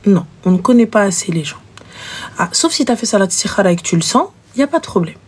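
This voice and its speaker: A woman hosting a live show, giving frank, animated relationship advice and acting out little scenes. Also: medium pitch, fast talker, breathy edge. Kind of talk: casual advice chat.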